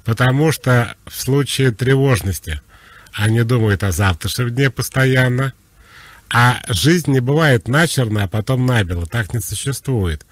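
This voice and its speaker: A man giving psychological advice on a radio call-in show, explaining in a relaxed, conversational way. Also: medium pitch, measured pace, no room sound.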